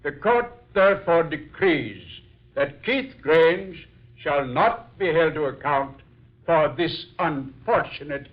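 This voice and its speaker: An actor playing a solemn court judge, making a formal, measured proclamation in a 1940s radio drama. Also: male voice, fairly high pitch, animated. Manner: measured, official. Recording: muffled vintage 1940s radio recording.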